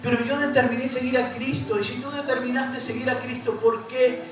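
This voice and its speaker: The Uruguayan pastor speaks fairly quickly in a very high-pitched, fairly bright voice with little pitch movement, using a Rioplatense Spanish accent. He repeats phrases, raises his emphasis, and addresses the congregation directly, all heard from a distance in an echoey church hall with music behind.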